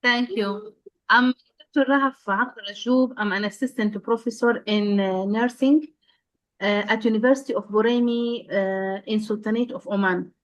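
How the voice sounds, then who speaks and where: A woman from Syria, a nursing professor, speaking on a video call and pausing often with fillers and restarts. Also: on the high side, steady tone. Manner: halting, many fillers and restarts. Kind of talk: casual panel chat.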